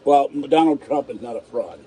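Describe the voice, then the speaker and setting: Lisping, toothless man with a dark voice. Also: mid-range voice, normal speed, a little hiss or hum. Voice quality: toothless speech, tongue hitting roof of mouth; natural lisp. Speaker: livestream host. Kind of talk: casual live stream chat, reading aloud and commenting.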